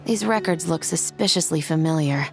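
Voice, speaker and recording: An actress playing a serious, dutiful female law officer in a video game, measured and firm. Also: sits low, creaky. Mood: focused, investigative. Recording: prominent music behind the voice.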